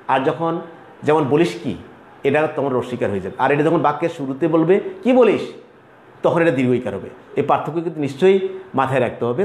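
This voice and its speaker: A man teaching a Bengali grammar lesson, explaining slowly and repeating key words, acting out sample questions and answers. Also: fairly high pitch, a little mellow, roomy sound. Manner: slow, repetitive explaining, acting out student answers.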